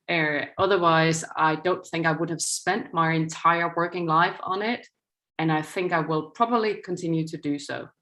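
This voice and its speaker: A middle-aged woman with a Danish accent delivers an earnest inaugural lecture over a video call to journalism students, reading partly from a script. Her voice sits fairly low but has a fairly bright tone, and her English is non-native.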